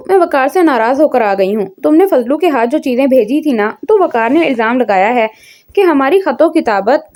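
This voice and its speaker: A woman's voice: high voice, a little mellow. A woman voicing a proud young heroine who speaks with indignation in a storybook reading. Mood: upset. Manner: indignant, fiery.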